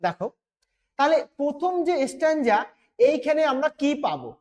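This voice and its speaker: A woman teacher giving an exam-prep literature lesson, explaining step by step, repeating key points and reading English phrases slowly. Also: high voice, big pitch swings, a little mellow.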